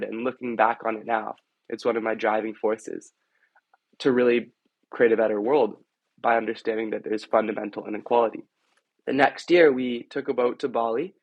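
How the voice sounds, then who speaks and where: A man's voice: mid-range voice, dry recording, poor audio. A young man, a student, telling a personal story in an earnest, heartfelt way. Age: young adult. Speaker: student panelist.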